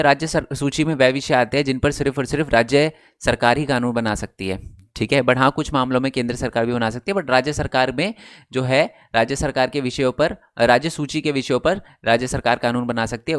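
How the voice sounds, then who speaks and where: A man's voice: medium pitch, clear, resonant tone. A man teaching a civics lesson in a casual, conversational way, often checking in with the class and mixing English terms into his speech. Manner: mixes English terms into Hindi.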